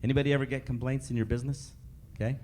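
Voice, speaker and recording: A man's voice: medium pitch, fairly even intonation, racing, a little mellow. A man presenting a live customer service training to a group, repeating his points and asking the audience questions. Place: meeting room with a live audience.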